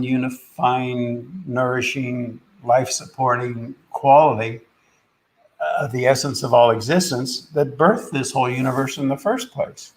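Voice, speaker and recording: A man hosting a podcast, speaking in a halting, casual way about spiritual ideas, with many fillers and restarts. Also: medium pitch, rough recording. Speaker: podcast host and spiritual teacher.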